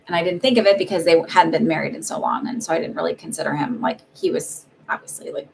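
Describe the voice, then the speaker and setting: A woman's voice: low voice, fast talker, creaky, a little mellow, a little hiss or hum, poor audio. A woman doing a live-streamed psychic reading, chatting casually and meandering with many fillers. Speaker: psychic reader.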